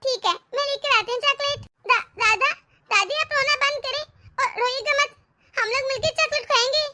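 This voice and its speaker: Woman putting on a little girl's voice for a cartoon, super high and shiny, pleads and insists, trips over her words. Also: moderate pace, sharp tone, dry recording, exaggerated voice. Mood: excited. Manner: pleading, insistent, stumbling restarts. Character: little girl, spirited, defends her grandparents. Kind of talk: animated family drama dub.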